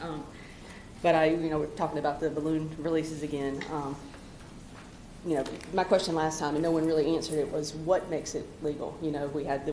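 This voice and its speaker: A woman giving an earnest public comment at a council meeting, halting and full of "you know" fillers, recorded in a council chamber. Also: low voice, mellow. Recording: echoey council chamber recording, faint hum.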